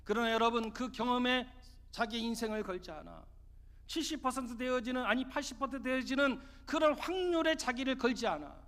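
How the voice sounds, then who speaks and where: A man's voice: extremely high pitch, a little fast, fairly bright tone. A man preaching a sermon as pastor, pressing his points with rhetorical questions to the congregation. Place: church sanctuary. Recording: long church reverb.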